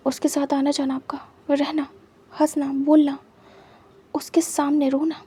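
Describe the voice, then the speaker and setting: A woman voicing a hurt, jealous young man who talks to his husband in a quiet, reproachful way. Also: high voice.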